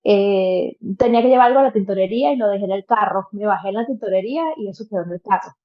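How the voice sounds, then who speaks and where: A Venezuelan woman in her thirties, with a Venezuelan Spanish accent, tells a personal story earnestly as a podcast guest, full of fillers and restarts. Her mid-range voice moves quickly, and the audio sounds dull.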